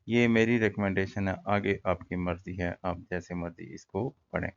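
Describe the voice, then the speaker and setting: A man teaching an English lesson in a relaxed, conversational way, explaining words and pausing often with fillers. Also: sits low, creaky, lo-fi sound. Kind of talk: casual classroom-style lesson.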